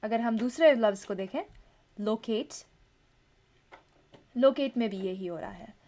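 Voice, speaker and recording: A woman teaching English vowel sounds, slowly repeating each sound and example word. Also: fairly high pitch, dark tone. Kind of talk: pronunciation lesson.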